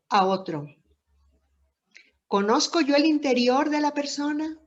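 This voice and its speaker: Slow, deliberate woman teaching scripture. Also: fairly high pitch. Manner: deliberate, with many pauses and rhetorical questions. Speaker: Bible teacher. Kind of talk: slow, reflective Bible teaching. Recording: dull lo-fi recording.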